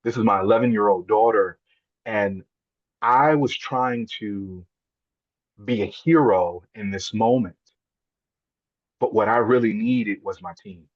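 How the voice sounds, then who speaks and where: A man's voice: fairly low pitch, measured pace, pauses often, no echo, lo-fi sound. A man, a podcast guest, telling a heartfelt personal story in an earnest, emotional way, repeating words when moved.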